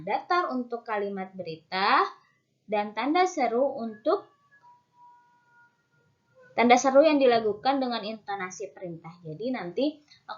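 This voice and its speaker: Woman teacher, mid pitch, patient explainer who repeats terms, slightly muffled recording. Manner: patient, repeats key terms, many fillers. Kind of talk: online lesson explaining to students.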